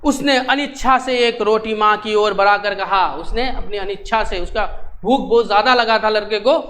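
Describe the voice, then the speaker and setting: A man's voice: high voice, moderate pace, a bit bright, slight background noise. A male teacher reading a textbook story and stopping to gloss each phrase, with frequent light laughs. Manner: repeats lines and glosses words, laughs often.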